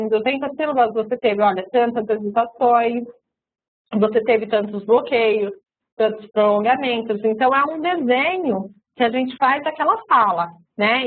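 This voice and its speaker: A woman with a Brazilian Portuguese accent giving a recorded web-conference lecture, explaining step by step with frequent fillers and tag questions. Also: a little high. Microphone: web conference microphone. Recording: tinny phone-like web conference audio.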